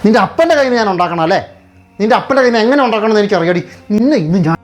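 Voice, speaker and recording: Someone playing a drunk, shouting husband. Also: medium pitch, steady tone, fast talker, soft background music, natural voice. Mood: angry. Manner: shouting, threatening. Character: drunk, abusive young husband.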